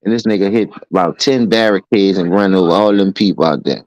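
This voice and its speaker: Man, low voice, dry close-mic sound, loose profane podcast storyteller. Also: a little fast, darkish tone, dry recording, highs cut off. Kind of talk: casual podcast chat.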